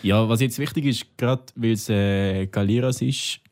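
A man's voice: fairly low pitch, moderate pace, a little mellow, dry recording, studio quality. A man, a co-host learning Romansh, repeating words and asking questions. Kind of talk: casual language-lesson podcast.

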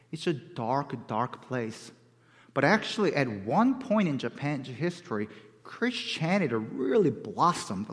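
A man's voice: mid-range voice, a bit bright. A man from South Korea preaching as a guest speaker, in a conversational way that keeps asking his listeners questions. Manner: conversational, asks the audience questions. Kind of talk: sermon. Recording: long hall reverb.

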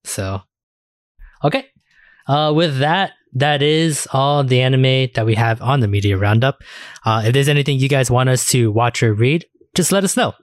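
A man hosts a podcast, chatting casually at a moderate pace. His voice is medium in pitch, and the recording is dry with clean studio sound.

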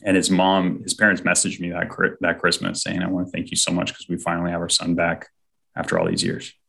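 A man's voice: low voice, monotone, quick pace, gravelly, sharp tone. A man telling an earnest personal faith story as an interview guest, often acting out what people said. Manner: heartfelt, often acts out quoted speech.

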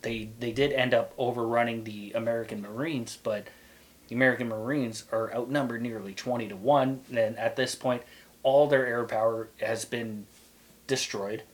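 A man from Quebec talks history with a friend, wandering through his points. His voice sits at an ordinary middle pitch, and he stops for fillers and restarts as he goes. It sounds like a relaxed podcast chat. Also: moderate pace. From Quebec, Canada. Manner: rambling, with many fillers and restarts. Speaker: podcast guest.

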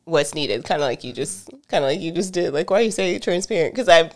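Woman, middle-aged, direct talker, animated storytelling, casual conversation. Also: lowish voice, a little fast. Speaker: podcast co-host.

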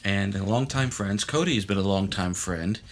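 Low-voiced man co-hosting a podcast. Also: normal speed. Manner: joking, teasing guests. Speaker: podcast co-host. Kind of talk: casual chat. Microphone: podcast microphone.

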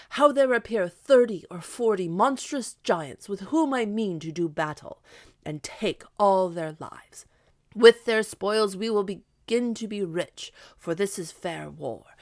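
A woman's voice: mid-range voice, a little mellow. A woman voicing a proud, deluded older male knight-errant who speaks in grand, archaic declamations.

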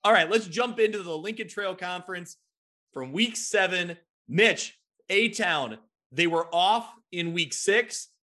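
A man's voice: high voice, unhurried, bright, forceful tone. A man hosting a casual sports talk show, recapping games and stats in an upbeat, self-deprecating way.

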